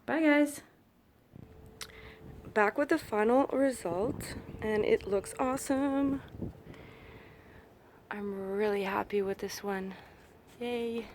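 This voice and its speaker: A woman's voice: medium pitch, slow pace, pauses often, darkish tone, a little hiss or hum. A middle-aged woman artist with a sick voice, chatting upbeat and casual to her viewers about her paintings.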